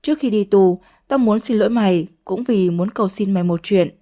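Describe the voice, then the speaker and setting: A woman's voice: medium pitch, fairly quick, mellow, close to an everyday voice. A woman voicing a remorseful young woman who begs forgiveness in a pleading, ashamed way.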